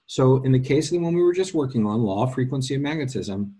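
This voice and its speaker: A man co-hosting a casual live question session, explaining card readings in quick bursts with self-deprecating humor. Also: medium pitch, expressive, warm tone, breathy edge. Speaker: co-host and card reading teacher.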